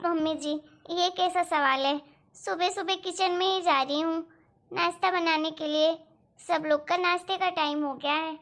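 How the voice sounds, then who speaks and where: Soft polite young daughter-in-law, very high little voice, always eager to please, a woman doing it. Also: fairly even intonation, moderate pace. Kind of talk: cartoon story voice acting.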